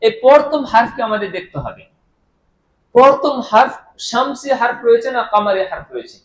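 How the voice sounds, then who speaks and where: A male teacher with a high voice lectures in a room with lots of echo. He drills the class by asking a question and then giving the answer himself. He stretches out each example word so the students can follow. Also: big pitch swings, a bit bright. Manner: repeats key terms and quizzes the class with questions he then answers; drawn-out, deliberate pronunciation of example words. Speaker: Arabic grammar teacher. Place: madrasah classroom. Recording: echoey room.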